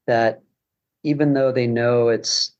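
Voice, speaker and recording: A man's voice: mid-range voice, steady tone, takes it slowly, clear, resonant tone, highs cut off. A man speaking as a podcast guest, rambling casually with many restarts. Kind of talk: casual conversation.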